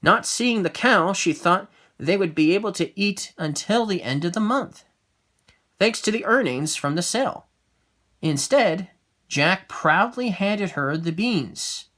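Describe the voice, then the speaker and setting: Slow, lively fairy-tale storyteller. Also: medium pitch. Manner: lively, expressive reading with small slips.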